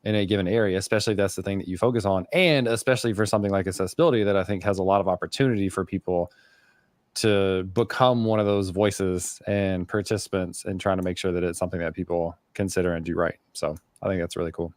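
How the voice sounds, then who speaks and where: A man hosts a live developer stream in a laid-back, friendly way, passing the word to guests and reading chat. His voice sits fairly low and sounds dry and close, with no room echo. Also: fast talker. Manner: relaxed, friendly moderator, reads chat aloud.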